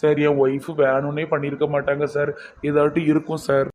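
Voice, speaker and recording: A man's voice: fairly high pitch, completely flat delivery, brisk, a little mellow, a little hiss or hum, close to an everyday voice. A man playing a worried, pleading young husband. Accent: Kanyakumari Tamil. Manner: pleading, earnest. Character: worried young husband defending his wife.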